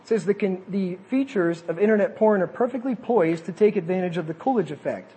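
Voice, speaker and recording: Man, high voice, sermon, reads quotes with asides, faint room hum. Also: lively intonation, brisk, warm tone.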